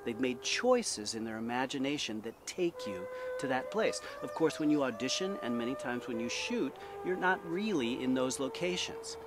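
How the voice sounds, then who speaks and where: A man teaching acting like a drama teacher, speaking in an emphatic, deliberate way and posing rhetorical questions as he lectures. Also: medium pitch, lively intonation, over music.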